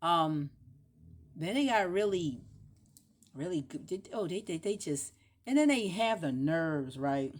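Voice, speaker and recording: Low-voiced woman ranting in a loose monologue. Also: animated, a little slow, long pauses. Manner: rambling, emphatic, repeats words to make a point; breaks into playful shouts and drops to a whisper. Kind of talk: casual spoken monologue.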